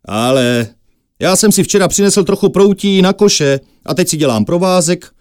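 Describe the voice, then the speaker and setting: Storybook strongman, easygoing and loud, voiced by a man, higher than the narrator. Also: lively intonation. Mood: offhand. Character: big strong adult man twisting trees, easygoing.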